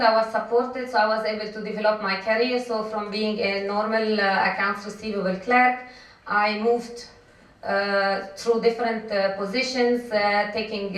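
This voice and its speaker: Speaking on a conference panel, a middle-aged woman from Lebanon hesitates often and leans on fillers. Her voice is medium-pitched and fairly bright, recorded from a distant mic that catches the hall's echo.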